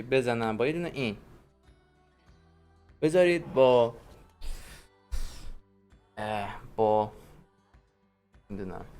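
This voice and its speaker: A young man giving casual, excitable commentary while opening card packs, talking to the players on the cards and to his viewers. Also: medium pitch. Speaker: gaming video creator. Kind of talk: pack-opening gameplay commentary.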